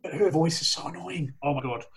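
A man's voice: fairly high pitch, a little fast, gravelly, a crowd in the background, rough recording. Co-host, man in his thirties, keen film-trivia talker, chuckles often. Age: 30s. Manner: enthusiastic, shares trivia with chuckles. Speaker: podcast co-host. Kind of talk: casual film review chat.

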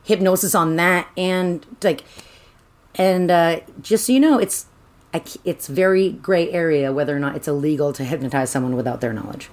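Young woman, podcast co-host, casual rambling chat, lots of fillers, lowish voice. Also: normal speed, darkish tone. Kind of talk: casual chat recapping a story.

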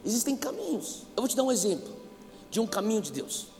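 A man's voice: high voice, sing-song, a little fast, a little mellow, big-room sound, faint music behind. A Brazilian man preaching a passionate sermon as a pastor, calling on listeners to repeat his words. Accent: Brazilian Portuguese.

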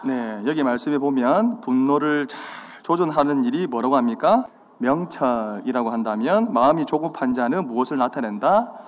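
A man's voice: mid-range voice, moderate pace. A man preaching a sermon, quizzing his congregation with questions and acting out the signs of anger. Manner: animated, acts out anger. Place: church sanctuary. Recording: hall reverb.

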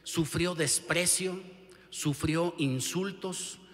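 A male pastor with a Mexican Spanish accent preaches in a fairly high voice at a slow, deliberate pace. He keeps asking the listener rhetorical questions and leans hard on key words. Long hall reverb hangs behind him. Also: steady tone, fairly bright tone. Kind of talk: sermon. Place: church sanctuary.

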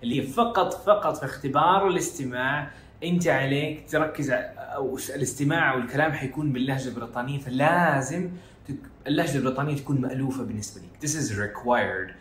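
In an echoey room with a little hiss or hum, a man from Jeddah hosts a casual educational podcast in Arabic, slipping into English phrases now and then. His voice is mid-range and a bit bright, with a Hejazi accent.

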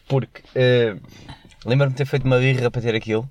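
A young man speaks with a European Portuguese accent at an ordinary middle pitch. He hosts the podcast in joking, crude banter and slips into mock voices, over a faint background hiss. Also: fairly even intonation, brisk, a little mellow. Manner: joking, swears casually, does mock voices. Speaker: podcast host. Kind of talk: casual chat.

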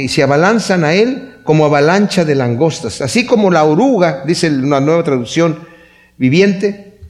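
Animated Spanish-speaking preacher, higher-pitched man. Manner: conversational preaching, frequent "¿verdad?" asides and repetitions; animated, with wide swings in pitch and loudness. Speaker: pastor. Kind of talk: sermon.

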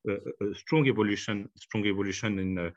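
A man's voice: lowish voice, steady tone, quick pace, no room sound, dull audio. A man with a French accent answering in a business interview, hesitant, with many fillers and restarts. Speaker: hospitality executive.

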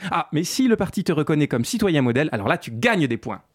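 A man's voice: on the high side, very animated, fast talker, faint music behind. A man hosting a sarcastic commentary video essay, speaking ironically and addressing the listener directly. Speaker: host.

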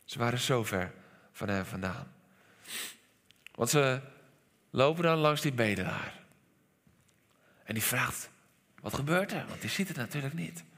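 A Dutch pastor preaches with a bright, forward voice that rings out in a church hall with a long reverb. He is animated, sinks to near-whispered lines, then bursts into a shout. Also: mid-range voice, a little slow, pauses often. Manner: animated preaching, soft drops to quiet lines, sudden shouts. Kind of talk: sermon.

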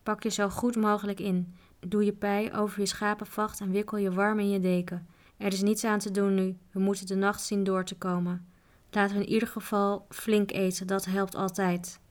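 Storybook role: a practical, grumbling male mountain guide, read by a woman in an even, level tone. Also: mid-range voice, normal speed, close to an everyday voice. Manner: grumbling, matter-of-fact.

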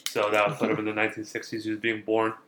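A man's voice: fairly low pitch, completely flat delivery, racing, a bit bright, slight background noise. A man appearing as a guest on a podcast, chatting playfully and making crude jokes. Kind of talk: casual chat. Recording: roomy room.

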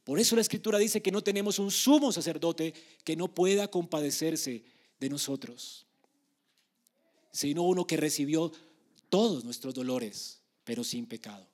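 A man preaching a sermon, emphatic, moving between hushed passages and loud, urgent ones. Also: on the high side, moderate pace.

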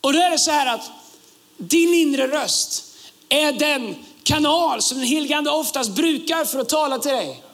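Man preaching, very high voice, humorous asides, bursts of shouting. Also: animated, few pauses. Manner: humorous asides, rises to shouting at key points. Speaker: pastor. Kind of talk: sermon. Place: church service with campuses.

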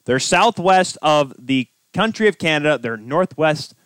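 A man's voice: a little high, expressive, a little slow, a bit bright, clear, resonant tone, dry recording, clean studio sound. A man co-hosting a podcast, rambling through casual sports talk and game commentary like an exasperated fan. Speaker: podcast co-host.

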